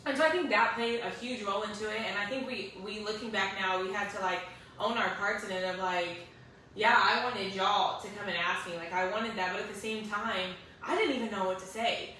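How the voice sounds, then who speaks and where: A young woman speaks earnestly and emotionally, her voice bright and forceful. She sits away from the microphone in a very echoey room. Faint hiss runs underneath. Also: medium pitch, fairly quick, recorded from a distance. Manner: earnest, emotional, many fillers. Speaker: guest sharing her story. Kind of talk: emotional personal storytelling.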